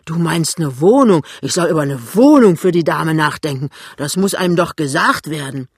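An audiobook reader voicing a gruff, fat male shopkeeper who talks loudly and grumbles. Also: mid-range voice, lively intonation, moderate pace, no room sound, clean studio sound. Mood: grumbling, blustering. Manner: loud, blustering. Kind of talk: audiobook reading.

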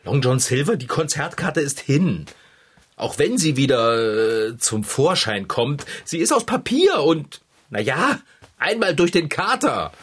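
An actor playing an excitable, dramatic young bicycle mechanic in a radio play. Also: medium pitch, measured pace, slightly rough. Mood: grumbling.

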